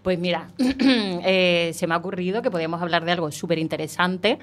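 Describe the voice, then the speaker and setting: Calm woman explaining. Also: lowish voice, fairly quick. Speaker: sexologist guest. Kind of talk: casual educational chat.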